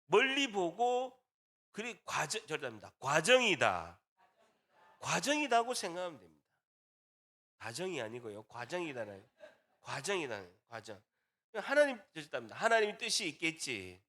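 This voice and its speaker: A man's voice: on the high side, big pitch swings, moderate pace, long pauses, bright, forceful tone. A man with a Gyeongsang accent preaching a sermon as pastor, repeating key phrases and asking rhetorical questions. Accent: Gyeongsang Korean.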